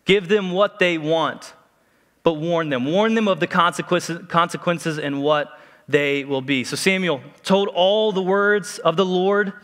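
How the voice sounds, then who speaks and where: A man's voice: fairly high pitch, measured pace, a bit bright. A young adult man preaching a sermon in a church, talking conversationally and asking the congregation questions. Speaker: pastor. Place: church sanctuary. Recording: long hall reverb.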